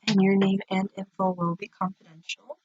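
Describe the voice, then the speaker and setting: Husky woman tarot reader in an echoing bathroom. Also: mid-range voice, little pitch movement, normal speed, a little mellow. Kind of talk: casual spiritual reading to camera. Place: indoors, in an echoing home bathroom. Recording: dull, echoing bathroom sound.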